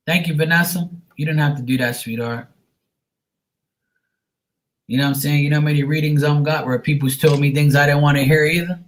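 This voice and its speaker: A man's voice: on the high side, steady tone, a little fast, pauses often. A man hosting a casual livestream chat, talking informally to viewers and giving them encouraging advice. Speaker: psychic reader and livestream host.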